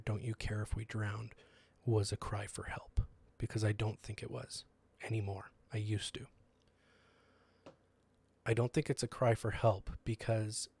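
A man's voice: lowish voice, darkish tone. Earnest young man giving a casual sermon. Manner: earnest and conversational, many fillers.

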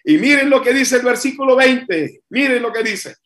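Impassioned preacher with a high, lively voice. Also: male voice, moderate pace, reverberant. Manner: impassioned, builds to shouts and repeats phrases for emphasis. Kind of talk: sermon. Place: church or conference hall.

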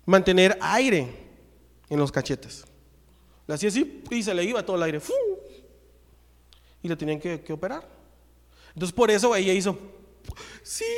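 A Mexican preacher with a high-pitched voice tells a story from the pulpit, acting out each exchange. His voice rings with a long reverb, as in a church hall. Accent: Mexican Spanish. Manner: lively storytelling, acts out the dialogue. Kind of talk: sermon with personal testimony.

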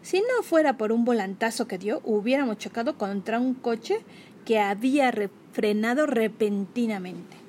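A woman's voice: on the high side, lively intonation, normal speed, a little mellow, slight background noise. A woman reading a children's novel aloud, expressively and with acted-out dialogue. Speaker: reader.

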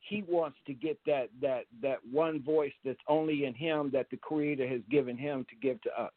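A man's voice: mid-range voice, steady tone, moderate pace, no room sound. A man calling in, talking earnestly and repeating words as he restarts his sentences. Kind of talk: earnest call-in commentary. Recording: tinny phone-like line, dry.

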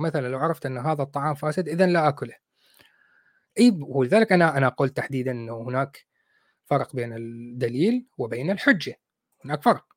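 A man's voice: medium pitch, dry recording, studio quality. A man with an Iraqi accent hosting a livestream, rebutting clips in a sarcastic, mocking way. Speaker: host. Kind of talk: livestream commentary.

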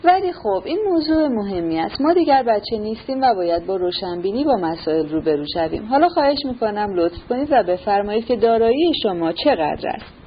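A woman's voice: mid-range voice, sing-song, close to an everyday voice. A woman reading aloud as a proud young noblewoman who asks pointed, mocking questions. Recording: muffled recording with faint hiss.

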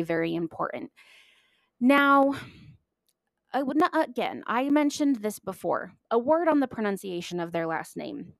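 A woman's voice: medium pitch, vocal fry, dry recording. A woman hosting a history podcast, narrating from a script in an emphatic way, leaning hard on key words. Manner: emphatic, stresses key words, self-deprecating asides.

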